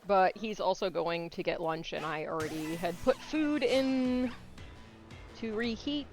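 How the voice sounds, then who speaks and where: A relaxed streamer talks through a live game from a room at home, rambling casually while eating close to the desk mic. The pitch is mid and even. Faint music plays underneath. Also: unhurried.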